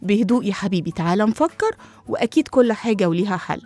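A woman doing a calm, soothing mother. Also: medium pitch, fast talker, soft background music, close to an everyday voice. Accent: Egyptian Arabic. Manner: soothing, patient.

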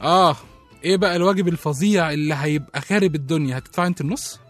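Rapid-fire indignant Egyptian man. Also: on the high side, a bit bright, soft background music. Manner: exaggerated indignant complaining, laughing often. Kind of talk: comedic sketch dialogue.

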